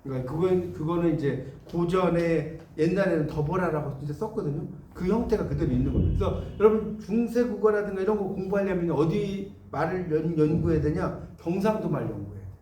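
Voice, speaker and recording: A man's voice: on the high side, a little fast, few pauses, warm tone, a little hiss or hum. A middle-aged man giving a lecture on Korean spelling, explaining patiently and checking in with his students through questions. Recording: echoey room from a distance.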